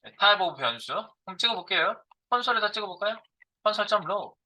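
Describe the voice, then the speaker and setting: A middle-aged man teaching a programming class, his very bright voice sitting a little high. His pitch swings widely as he talks through code while typing. He keeps asking his students questions and then answering them himself. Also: lively intonation, a little fast, poor audio. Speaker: programming instructor. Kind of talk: live coding lecture.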